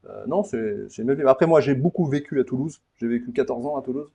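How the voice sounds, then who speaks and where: This podcast interviewer from Paris talks quickly in a mid-range voice with a dark tone and vocal fry, and the recording carries a slight hiss or hum. He keeps the conversation informal and blunt, wandering off topic and repeating words frequently.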